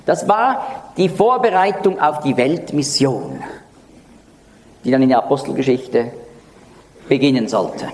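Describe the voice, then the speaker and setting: A man at medium pitch delivers Bible teaching in a large hall, and the long reverb trails after his words. He lifts his voice for emphasis and sinks low and quiet when quoting a dialogue. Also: a little slow, pauses often, slight background noise. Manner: expressive, lively pitch for emphasis.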